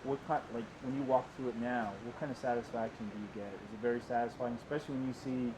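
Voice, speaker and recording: A man's voice: medium pitch, steady tone, fast talker, noisy background. A man interviewing, asking rambling questions with restarts, heard on a worn tape copy.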